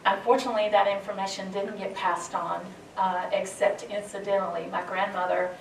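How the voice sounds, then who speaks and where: A woman from western North Carolina gives a casual, folksy public talk on foraging in a library event room, restarting sentences and laughing as she goes. Her mid-range voice is fairly even, a little fast, and has some vocal fry. A distant mic captures the roomy hall with faint ambience and slight background noise.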